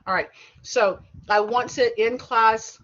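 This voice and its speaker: A woman's voice: a little high, slow pace, fairly bright tone. A middle-aged woman teaching an online college class in a chatty, digressive way, with frequent asides and self-corrections. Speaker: college instructor. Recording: dull lo-fi video-call audio.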